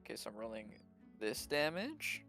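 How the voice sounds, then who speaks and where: A man's voice: medium pitch, wildly swooping pitch, moderate pace, gravelly, sharp tone, soft background music. A man playing a tabletop game, thinking aloud in a hesitant way with many fillers as he works through his turn. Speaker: player. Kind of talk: casual tabletop game play.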